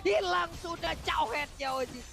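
A man giving live esports commentary in an animated, exclamatory way. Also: extremely high pitch, moderate pace. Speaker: esports caster.

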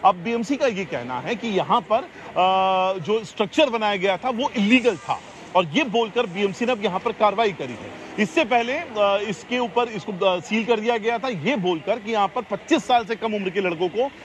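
A man's voice: sits high, normal speed, slight background noise. Man reporting live from a street scene. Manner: hesitant, many fillers and restarts. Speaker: field reporter. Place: outdoors beside a demolition site. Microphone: handheld mic.

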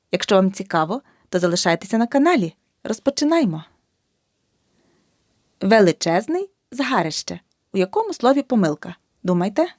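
A woman tutoring a language lesson online, who talks slowly and deliberately. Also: no echo, studio quality. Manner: slow and deliberate, with lively pitch. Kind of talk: spelling lesson.

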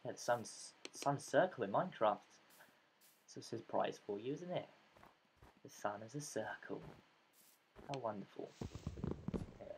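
A man's voice: mid-range voice, animated, a little slow, long pauses. A man hosting casual let's play commentary from his bedroom, rambling and self-mocking, often dropping to a whisper. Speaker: gaming channel host. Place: bedroom at home. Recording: noisy home recording.

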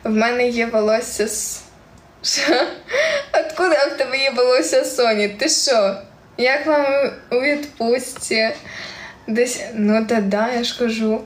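A woman's voice: fairly high pitch, measured pace. A young woman from Ukraine speaking with a central Ukrainian surzhyk accent, chatting casually on a live stream and reading viewer comments aloud with frequent giggles. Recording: echoey room with faint ambient noise.

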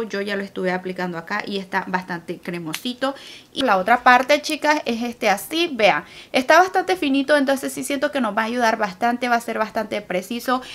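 A woman's voice: on the high side, fairly bright tone. A Salvadoran woman with a Salvadoran Spanish accent, giving a casual makeup tutorial in a chatty way and often calling viewers "girls". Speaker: makeup vlogger.

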